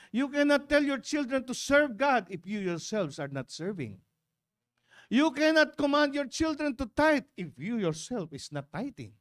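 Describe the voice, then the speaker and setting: Animated Filipino pastor preaching. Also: male voice, high voice. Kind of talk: sermon. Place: church.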